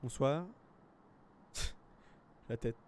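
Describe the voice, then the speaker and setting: A man's voice: mid-range voice, drawn-out words, darkish tone, a little hiss or hum. A man with a French accent, thinking aloud with hesitant restarts as he plays a video game and reads in-game English text aloud. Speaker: gamer. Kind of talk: French let's play commentary. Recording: game music clearly behind the voice.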